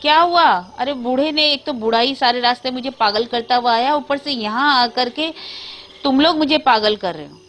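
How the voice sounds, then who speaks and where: A woman's voice: a little high, animated, measured pace, a bit bright, soft background music. A woman voicing an irritated, skeptical grown man who protests in exasperation, in a Hindi storybook tale. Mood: exasperated.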